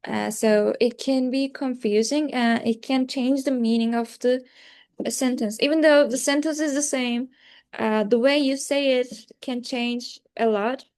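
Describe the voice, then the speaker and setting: A woman's voice: a little high, steady tone, a little slow, a little mellow, smooth. A young woman giving a class presentation on pronunciation, hesitant and full of fillers like "like" and "uh". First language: Turkish. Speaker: student presenter.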